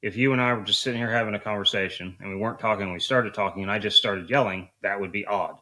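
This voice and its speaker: A man's voice: lowish voice, fast talker, pushed and bright, low-quality recording. A man giving conversational instruction as a coach, explaining things in an informal, colloquial way. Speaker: duck calling coach.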